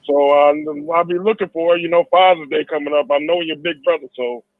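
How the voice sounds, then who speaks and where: A man's voice: on the high side, steady tone, a little fast. Strong-voiced man on a dull phone-in. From Detroit, United States. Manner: jovial, laughs often. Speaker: caller. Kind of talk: casual radio call-in chat. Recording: dull, band-limited call.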